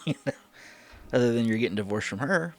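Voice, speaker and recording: A man hosts a reaction video, offering casual, informal commentary and talking back to the show he watches. His voice is mid-range and animated at a moderate pace, with an old TV show's soundtrack, music and dialogue, playing behind him.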